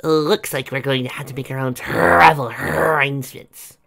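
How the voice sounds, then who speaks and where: A man voicing a smug, showy young female unicorn pony performer in a fan fiction reading, with a slightly raised, bright voice. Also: medium pitch, fairly even intonation, moderate pace, gravelly, pitched above the performer's own voice. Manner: smirking, smug.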